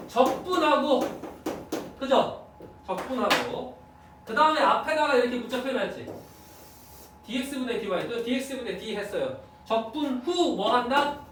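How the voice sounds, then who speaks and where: Man, math teacher, lively classroom lecture, faint room hum, heavy echo. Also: extremely high pitch, recorded from a distance. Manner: lively, checks understanding with students.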